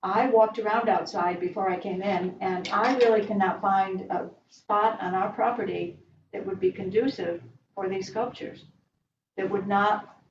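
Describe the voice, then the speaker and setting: A woman board member leading a discussion at a meeting. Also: medium pitch. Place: indoor meeting room around a large table. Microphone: far room mic on a video call. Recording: echoey room, distant mic, dull, noisy.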